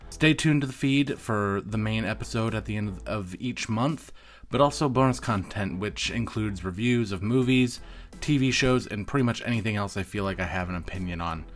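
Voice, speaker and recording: A man's voice: on the low side, moderate pace, soft background music. A man hosting a casual podcast, joking and self-mocking as he wraps up, recorded on a single shared microphone. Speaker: podcast host. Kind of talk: casual podcast chat and outro. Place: room with friends around one mic.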